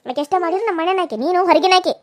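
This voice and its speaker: A woman voicing a domineering older village mother-in-law, who scolds and taunts slowly. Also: very high-pitched, no echo. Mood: commanding. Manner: scolding, insulting, drawn-out taunts. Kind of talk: cartoon voice acting.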